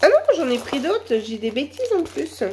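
A woman with a cold and a hoarse voice, chatting slowly and hesitantly through a shopping haul. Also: sits high, very animated, darkish tone, a little hiss or hum. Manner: hesitant, many fillers, slow and chatty. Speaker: vlogger. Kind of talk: casual shopping haul vlog.

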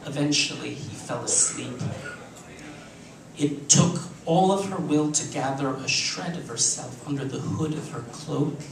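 A man reads a literary story aloud at a live cafe show, taking it at a very slow, measured pace with the odd stumble. His voice comes from a distance off the mic, carried by a roomy echo with faint background ambience behind it. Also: medium pitch, gravelly, slight background noise. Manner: measured, deliberate reading with occasional slips. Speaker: reader.

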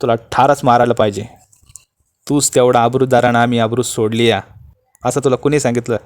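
Man doing Savala, a booming fierce outlaw. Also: steady tone, no echo, clean studio sound, close to an everyday voice. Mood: menacing. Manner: booming, slow, threatening commands. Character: fierce commanding male outlaw, hot-tempered but just.

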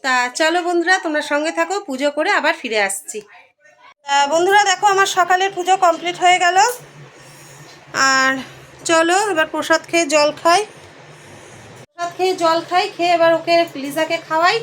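A high-pitched woman with a Bengali accent talks to her viewers like friends as she films her daily routine at home. She speaks into a phone camera, with a faint hum of household noise behind her. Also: fairly bright tone. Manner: chatty, addresses viewers as friends. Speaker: vlogger. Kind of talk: casual daily vlog narration. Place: family home.

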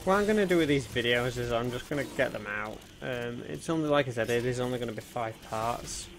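A man's voice: mid-range voice, expressive, a little fast, over music. A man hosting a casual let's-play, chatting to viewers as he plays, with frequent ums. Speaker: gaming video host. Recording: noticeable background noise.

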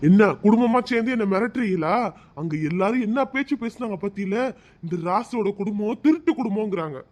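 A man voicing an angry, protective middle-aged village father in a cartoon, loud and scolding. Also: sits high, animated, brisk. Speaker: father of the bride.

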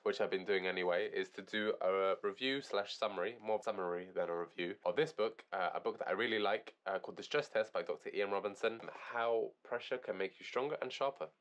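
A man's voice: on the low side, brisk, hardly any pauses, highs cut off. An English man with a cold, sounding congested and nasal, casually summarizing a book he likes with some rambling restarts. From England. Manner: relaxed, rambling, with fillers and restarts. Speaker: book reviewer.

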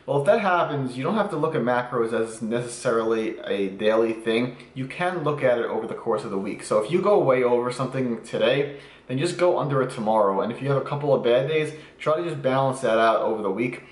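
Filming first in a small room at home and then in his kitchen, a twenty-something man vlogs his meals and eats on camera while cheerfully and casually explaining his diet tips as a fitness vlogger. He speaks fairly quickly with an expressive, medium-pitched voice that echoes a bit.

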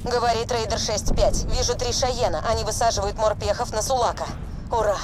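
Cocky dropship pilot over radio. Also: female voice, on the high side, brisk, background noise. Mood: excited. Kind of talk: video game voice acting.

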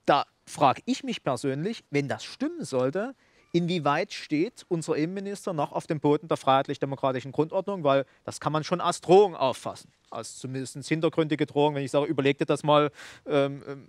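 A man's voice: on the high side, expressive, fairly quick, dry recording. A man hosting a talk show, commenting on news and leading into the next topic with some fillers.

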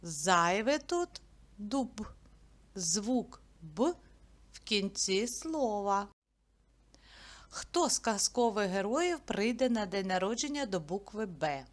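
A woman teaching a literacy lesson who asks simple questions and answers them herself, stretching words slowly and clearly. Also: medium pitch, sing-song. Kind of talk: slow, clear classroom lesson narration.

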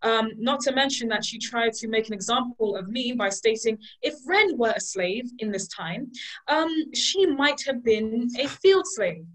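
A woman's voice: on the high side, expressive, a little slow, fairly bright tone, poor audio. Young woman, from liberia and ghana, student debater, passionate flowing argument, video call mic. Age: young adult. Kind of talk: online student debate speech.

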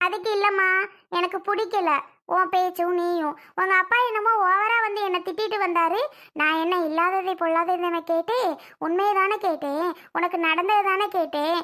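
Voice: very high voice, fairly even intonation, moderate pace, pushed and bright. A child voicing a resentful, spiteful woman who accuses her brother's wife. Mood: accusing. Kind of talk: homemade family drama.

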